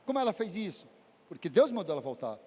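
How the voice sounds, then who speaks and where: A man's voice: big pitch swings, quick pace, dark tone, husky, in a large hall. A man preaching, telling a testimony in a dramatic, emotional way. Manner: emotional, dramatic storytelling with big pitch swings. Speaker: pastor. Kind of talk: sermon testimony. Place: church.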